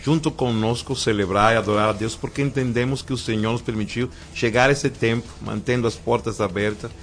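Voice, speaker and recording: A middle-aged Cuban man with a Cuban accent, a pastor speaking as a radio interview guest in a calm, measured way. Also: mid-range voice. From Cuba. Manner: calm, measured, repeats affirmations.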